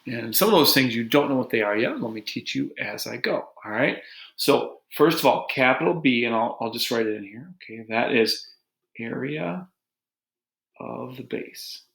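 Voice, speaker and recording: A man teaching a geometry lesson to his students in a relaxed, joking way, talking as he draws. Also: medium pitch, moderate pace, vocal fry. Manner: relaxed, joking, talks while drawing on a board. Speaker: math teacher. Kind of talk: recorded math lesson. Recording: echoey room.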